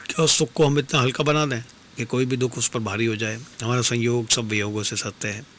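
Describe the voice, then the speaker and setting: A man performing dastangoi, voicing a calm, detached wandering stranger who consoles the queen with measured, philosophical words. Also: medium pitch, slight background noise, natural voice. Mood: consoling. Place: radio studio.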